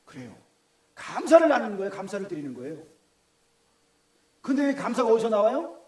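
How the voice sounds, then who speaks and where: Middle-aged male pastor, Gyeongsang accent, high-pitched, conversational sermon, roomy echo. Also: very animated, fairly quick. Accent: Gyeongsang Korean. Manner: conversational, asks the congregation questions. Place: church hall. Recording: echoey church room.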